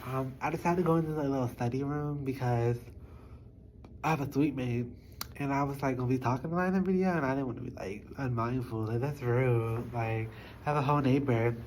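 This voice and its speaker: A woman's voice: a bass voice, a little fast, darkish tone, rough recording. Casual young woman vlogger, faint noise. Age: young adult. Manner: loose, informal articulation. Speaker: YouTube vlogger. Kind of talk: casual chat to viewers. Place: small study room, indoors.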